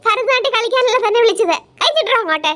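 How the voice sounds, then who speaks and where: A woman's voice: very high-pitched, animated, fast, sharp tone, a little hiss or hum, full character voice. A woman voicing a strict, scolding female schoolteacher in a homemade doll play. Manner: stern, scolding, threatens to cane.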